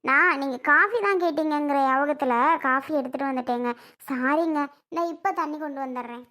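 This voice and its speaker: A flustered young wife, apologetic with her husband and quick to defend herself, as a woman plays her. She has a very high voice and acts in a home-made family skit. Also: bright, forceful tone.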